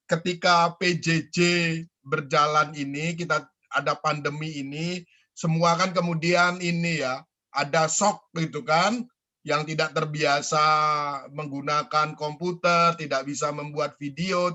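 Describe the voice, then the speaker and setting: A man's voice: on the high side, bright, forceful tone. A man from the school staff replying to students' suggestions on a video call, hesitant, with many fillers and restarts. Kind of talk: online school forum reply.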